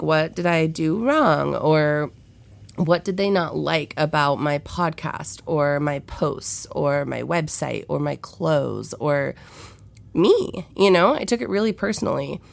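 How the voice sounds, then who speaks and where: Hosting her solo podcast with a head cold, a young woman sounds low, gravelly and stuffed-up, sniffling as she goes. Her delivery is a little slow with lively intonation, frank, profane and full of fillers. There's no echo.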